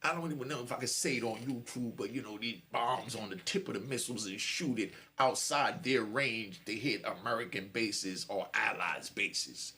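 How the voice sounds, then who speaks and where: With a little hiss or hum in the audio, a man in his fifties who spent time in prison talks straight to camera, preaching warnings to young listeners. His voice is on the low side and sharp in tone, at normal speed with few pauses.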